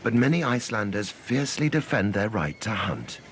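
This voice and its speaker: A man's voice: fairly low pitch, very animated, normal speed, a little hiss or hum. A man reading scripted narration for a nature documentary. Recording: music bed behind voice. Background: background music.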